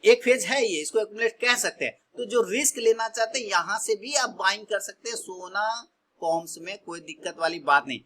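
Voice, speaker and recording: A man's voice: sits high, brisk, bright, forceful tone. A man from India teaching stock trading in a casual way, asking himself questions and answering them, often repeating his words.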